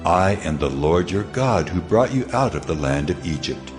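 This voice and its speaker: Speaking as God, the almighty Lord, a booming male voice makes slow, weighty proclamations in a dramatized scripture reading. The character is stern and solemn, and the delivery is expressive and solemn in mood. Music plays beneath a long hall reverb.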